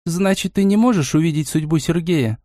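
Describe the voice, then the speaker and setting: A male narrator voicing a sharp-tongued, sarcastic young woman in an audiobook. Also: a little high, fairly quick, no echo, clean studio sound, pitched above the performer's own voice, close to an everyday voice.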